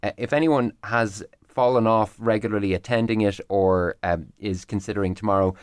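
An Irish man with a fairly low voice hosts an interview show. He links and questions in a wordy, hesitant, meandering way, and the sound is close and dry. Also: normal speed, smooth, no echo. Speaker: radio show host. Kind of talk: unscripted interviewing and linking.

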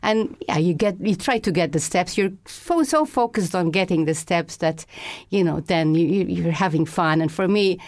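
A woman's voice: fairly low pitch, moderate pace, few pauses, a little mellow, no room sound. A woman from Malta with a Maltese accent, speaking as a fitness instructor in a casual studio interview. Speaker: Zumba instructor, interview guest. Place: radio studio.

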